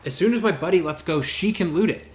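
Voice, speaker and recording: A man hosting a gaming channel, telling a story over gameplay in an animated, exasperated and self-mocking way. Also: a little high, fast.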